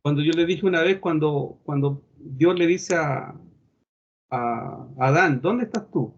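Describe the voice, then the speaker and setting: A man's voice: a little high, slow pace, lo-fi sound. A man teaching a class on preaching, explaining patiently and acting out the tones other preachers use on scripture. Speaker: homiletics teacher.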